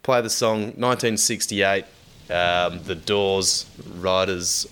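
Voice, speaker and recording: A man's voice: deep voice, slow pace, a bit bright, smooth. A man with an Australian accent chatting casually as a podcast host, with the matey, slangy, laid-back manner of an Aussie tradesman. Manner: sweary. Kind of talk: casual chat.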